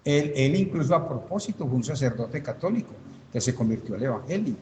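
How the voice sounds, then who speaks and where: A pastor leading a Bible study, explaining patiently and talking to named listeners in a casual, conversational way. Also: male voice, medium pitch, animated, a little fast, darkish tone, roomy sound, long reverb tail, a little hiss or hum, poor audio. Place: church hall.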